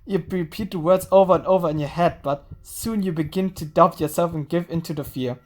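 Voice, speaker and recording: A woman reading a visual novel's narration aloud in a steady storytelling manner. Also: fairly low pitch, brisk.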